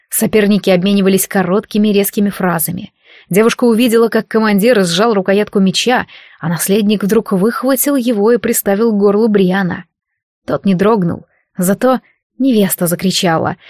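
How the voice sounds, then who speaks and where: A woman narrating a fantasy novel in a measured, even storytelling manner, recorded on a close microphone. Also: medium pitch, no echo. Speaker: audiobook narrator.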